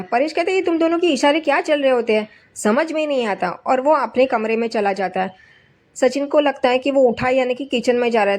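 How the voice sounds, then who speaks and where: Woman narrator with a slightly high voice, relaxed recap of a serial, quotes characters without acting them. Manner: retells scenes and quotes characters' lines in a plain voice. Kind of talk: casual spoken recap narration.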